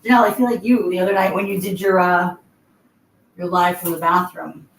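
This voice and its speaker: Woman, lowish voice, chatty livestream host, casual talk to viewers, echoing bathroom, some background noise. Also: steady tone, fairly quick. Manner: chatty, addresses viewers by name. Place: indoors, in a bathroom.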